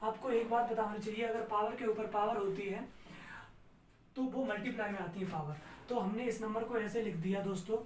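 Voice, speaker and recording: Through a distant mic with roomy sound and faint noise, a man with a high-pitched voice explains exam-prep math at a slightly fast clip. He works step by step in a steady manner, asking his students questions and then supplying the answers.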